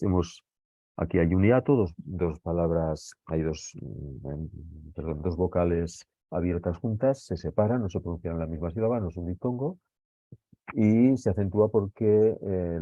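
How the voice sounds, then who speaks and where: A man's voice: deep voice, no room sound. A male teacher from Spain giving a grammar lesson, explaining patiently step by step and often checking in with his listeners. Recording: dull lo-fi recording.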